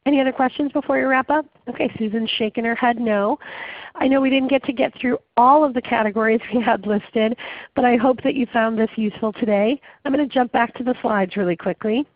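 A woman's voice: on the high side, brisk, no echo. Woman hosting a webinar with a cold. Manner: conversational, with frequent ums and uhs. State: muffled voice from a cold. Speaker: webinar host. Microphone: webinar call audio. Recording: dry, phone-like webinar audio.

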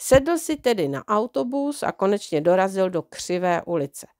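A woman's voice: medium pitch, very animated, darkish tone, dry recording, clean studio sound. Woman reading a children's audiobook. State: slightly unwell voice. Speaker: audiobook reader. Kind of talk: reading a children's book aloud.

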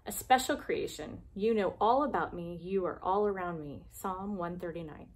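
In a small indoor classroom, a woman hosting a preschool devotion chats casually and reads aloud to young children, asking them simple, encouraging questions. Her voice is fairly low in pitch and she talks at a normal speed.

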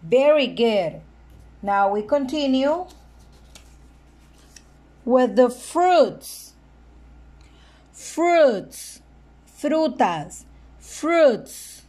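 Slow, deliberate woman teaching vocabulary. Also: on the high side, very animated, warm tone. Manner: slow, deliberate, repeats words for the listener. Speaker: English teacher. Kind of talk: slow bilingual vocabulary lesson.

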